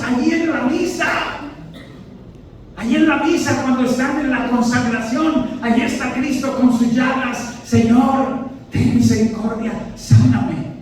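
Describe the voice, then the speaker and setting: High-voiced priest preaching in an echoey hall. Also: male voice. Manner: emphatic, questions the congregation, keeps saying "hermanos". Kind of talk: sermon to a prayer group. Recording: echoey hall, distant mic, faint background noise.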